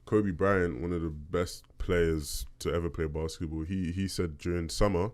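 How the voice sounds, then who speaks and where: A man with a deep bass voice hosting a podcast, casually answering listener questions and often checking in conversationally as he talks. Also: steady tone, moderate pace, a little mellow. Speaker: podcast host.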